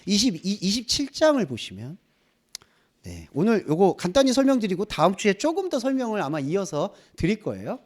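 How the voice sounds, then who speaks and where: A man's voice: sits high, huge pitch swings, brisk. A man preaching a sermon as a pastor, asking the congregation rhetorical questions. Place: church.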